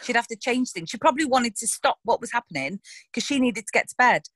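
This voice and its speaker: In a casual interview, a young actress talks about a character she played, animated and quick to act out the lines she quotes. Her voice is a little high, and there's no echo.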